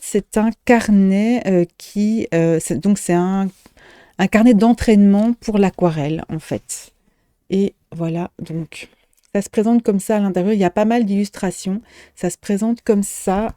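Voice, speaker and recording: A woman's voice: mid-range voice, dark tone, dry recording, clean studio sound. A middle-aged woman shop owner chatting casually in a show-and-tell vlog, hesitating often with fillers and restarts.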